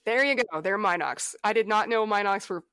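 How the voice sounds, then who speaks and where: A woman's voice: mid-range voice, brisk, a bit bright, no echo, clean studio sound. A young adult woman co-hosting a podcast in a casual, playful chat, often laughing. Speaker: podcast co-host.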